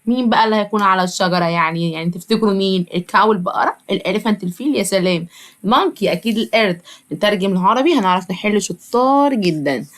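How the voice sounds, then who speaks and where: A woman with an Egyptian Arabic accent teaching English to young children, repeating words slowly for them to copy and praising them. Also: medium pitch. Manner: drills words by slow repetition, encouraging.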